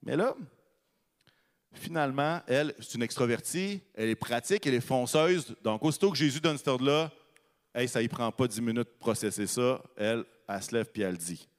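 A man with a Québécois French accent preaches a conversational sermon into a microphone, reading scripture and animatedly asking the audience questions. His medium-pitched voice moves a little fast in a big-room sound.

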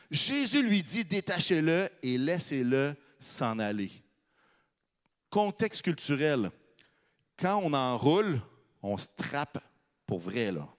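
Lively Québécois preacher with hall echo. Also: male voice, sits high. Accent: Québécois French. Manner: animated, asks the audience questions. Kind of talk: conversational sermon with Bible reading. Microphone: microphone.

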